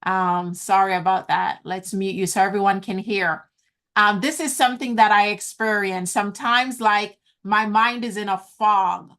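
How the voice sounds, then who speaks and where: This is a woman business coach leading an online event, teaching a group over video in an earnest, encouraging way and referring to them as guys. Her slow, deliberate teaching comes in a mid-range, fairly bright voice with fairly even intonation at a moderate pace.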